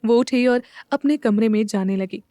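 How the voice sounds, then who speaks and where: A woman's voice: a little high, normal speed, mellow, no room sound, studio quality. A woman narrating a scripted audio drama, reading all the parts herself.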